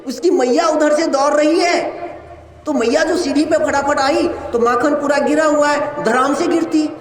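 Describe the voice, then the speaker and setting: An animated man with a very high voice tells a devotional story to his listeners. He speaks to them directly, and a roomy echo surrounds him. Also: moderate pace. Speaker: katha storyteller. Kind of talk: devotional story-telling sermon.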